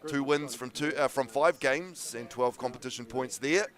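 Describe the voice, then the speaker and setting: Male rugby co-commentator, New Zealand accent, medium pitch, conversational live broadcast style. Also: moderate pace, a bit bright.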